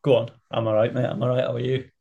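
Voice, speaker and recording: Laid-back man with a mellow voice. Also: medium pitch, level tone, fast, vocal fry, highs cut off. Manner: laid-back, laughs along, sweary plugs. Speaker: podcast co-host. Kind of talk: casual podcast chat.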